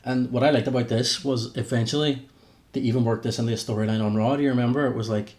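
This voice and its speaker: A man's voice: medium pitch, fairly even intonation, quick pace, darkish tone. A man co-hosting a podcast, chatty and jokey. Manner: chatty, jokey, reels off names. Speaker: podcast co-host. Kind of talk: casual wrestling podcast chat. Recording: roomy echo.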